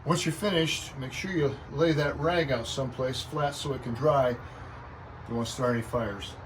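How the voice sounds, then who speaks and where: A man's voice: mid-range voice, moderate pace. An American man giving a casual, plainspoken garden vlog, explaining things informally as he goes. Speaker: garden vlogger. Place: outdoors in a home garden. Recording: noisy outdoor recording with traffic. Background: traffic and outdoor ambience.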